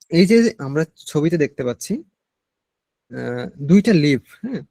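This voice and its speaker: A Bangladeshi Bengali-accented man teaching a nursing class, explaining slowly and mixing in English medical terms. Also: a little high, a little mellow, dry recording. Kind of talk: online class lecture.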